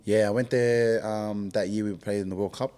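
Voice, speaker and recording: A man in his twenties, born in Samoa and raised in Australia, talking casually and haltingly as a podcast guest, with lots of ums and likes. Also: lowish voice, steady tone, smooth. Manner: soft-spoken, halting, many ums and likes. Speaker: podcast guest, rugby league player. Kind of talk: casual interview chat.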